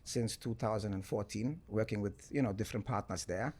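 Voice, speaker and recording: A German man with a lowish, slightly breathy voice speaks a little fast as a guest on a podcast. He's a sports entrepreneur telling stories in a relaxed interview, dropping "right?" and "you know" throughout.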